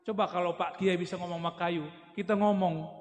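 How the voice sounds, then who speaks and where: A man delivers a sermon in a high voice, full of jokes and animated storytelling. His words ring around a large echoing hall. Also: a little fast. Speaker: preacher. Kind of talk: humorous sermon. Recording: echoey hall.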